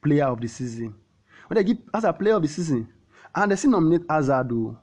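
Husky Nigerian Pidgin-speaking man, football host. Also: a little high, brisk. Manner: animated storytelling with rhetorical questions and repetition. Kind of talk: casual spoken football commentary in Nigerian Pidgin.

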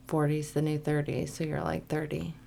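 Sleepy woman in her 30s, really low gravelly voice, podcast chat. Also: level tone, moderate pace, slight background noise. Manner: sleepy, soft-spoken. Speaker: podcast co-host.

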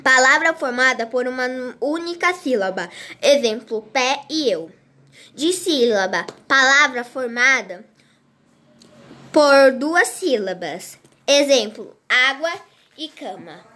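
Woman, lesson reading, high voice, slow, halting with restarts. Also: expressive, sharp tone. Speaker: teacher. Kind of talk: reading a grammar lesson aloud.

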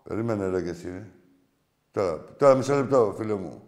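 A man hosts a call-in show in a slightly low voice. He talks bluntly and swears a lot. He flips between shouting outbursts and low asides. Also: animated. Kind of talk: casual call-in banter.

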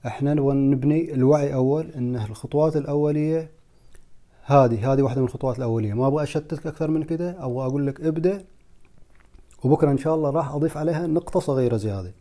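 A man's voice: a little high, racing, warm tone. A young man, coaching on public speaking in a casual video lesson and repeating points for emphasis. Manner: repetitive, emphatic, mixes in English terms.

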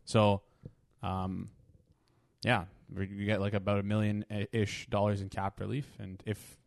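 Lower-voiced laid-back man, dry sound. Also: flat delivery, measured pace, creaky, no room sound. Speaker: podcast co-host. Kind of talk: casual sports chat.

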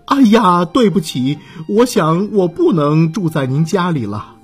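A man's voice: high voice, big pitch swings, a little slow, a little mellow, slightly rough, soft background music, full character voice. A man doing a polite, bumbling Mr. Fire. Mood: apologetic. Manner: apologetic and courteous. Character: polite clumsy man with a flame on his head.

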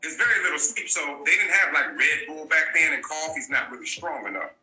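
A man speaks as a guest in a candid interview, with a forceful, bright edge and a slightly high pitch. He talks bluntly and hammers his points home by repeating them. The room gives his voice a noticeable echo. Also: brisk, soft background music. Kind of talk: candid storytelling.

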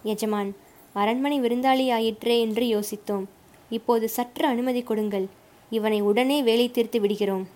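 A woman's voice: a little high, fairly even intonation, normal speed, a little mellow, natural voice. A woman voicing a deferential male palace guard who pleads defensively to his master in a storybook reading.

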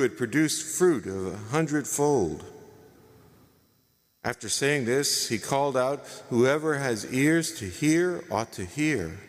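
A man reading the gospel aloud at Mass, slow and measured, in a large church with a cathedral echo. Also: medium pitch. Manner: slow, measured, solemn delivery. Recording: long church reverb.

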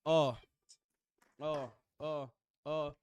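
A man's voice: on the high side, flat delivery, drawn-out words, clean tone, no echo. A young man with a Brazilian accent, co-hosting a podcast, boasting and freestyling crude rhymes in heavy slang. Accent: Brazilian Portuguese. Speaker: podcast co-host. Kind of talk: joking freestyle rap among friends.

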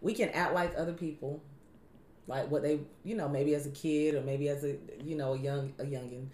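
A woman hosting a faith-based chat, talking in a relaxed, conversational, preachy way. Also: low voice, fairly quick, echoey room. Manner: conversational, preachy, uses everyday analogies. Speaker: podcast host.

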